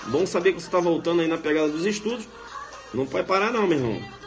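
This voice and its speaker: A man's voice: a little high, animated, quick pace, soft background music. Slangy Brazilian man lecturing live. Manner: slangy, playful, repeats tag questions. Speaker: law professor. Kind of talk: casual live online lecture.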